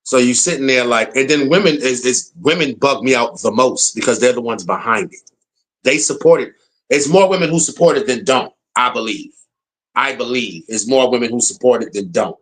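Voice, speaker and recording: A man's voice: mid-range voice, moderate pace, fairly bright tone. Man, American accent, casual opinion rant, blunt, repetitive, emphatic. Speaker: political commentator.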